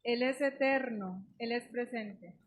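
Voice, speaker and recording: A woman's voice: a little high, takes it slowly, a little hiss or hum. A woman pastor preaching a sermon to her congregation, emphatic and questioning, teaching with questions. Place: church.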